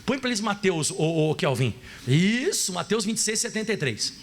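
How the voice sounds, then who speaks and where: A lively pastor from Rio Grande do Sul, Brazil, delivers a sermon in a Gaúcho Brazilian Portuguese accent. His male voice sits high and moves at a moderate pace, and he preaches in an animated, playful way, acting out voices and asking the audience questions.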